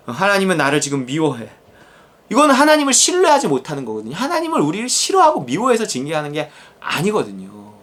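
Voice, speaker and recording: A man preaching a sermon as a pastor, animated and vivid, acting out the inner voices of the people he describes. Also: a little high, creaky, breathy edge. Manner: animated, acts out quoted inner voices and God's address.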